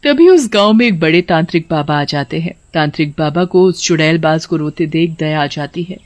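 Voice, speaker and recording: A woman narrates a children's story at an even, steady pace. Her voice sounds close and dry. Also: low voice, a little fast, no echo.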